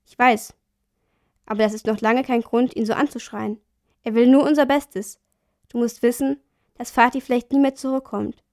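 A gentle, firm young mother, read by a woman narrator speaks quietly to her son. Her voice sits slightly high and stays soft and measured. This is a storybook voice close to the reader's own. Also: fairly even intonation, natural voice.

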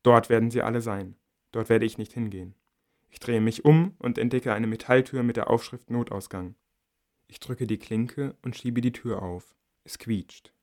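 A man reading a first-person novel aloud in a measured, quiet and intimate way. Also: medium pitch. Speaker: audiobook reader. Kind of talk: scripted first-person narration.

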